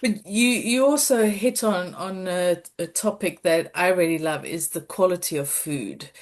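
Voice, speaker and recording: Low-voiced woman podcast co-host. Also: unhurried. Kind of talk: casual interview chat.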